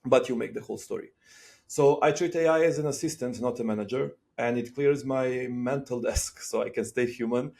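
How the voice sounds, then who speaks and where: Man from Serbia, mellow voice. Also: medium pitch, vocal fry. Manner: measured, thinking aloud with fillers and restarts. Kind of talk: casual conversation.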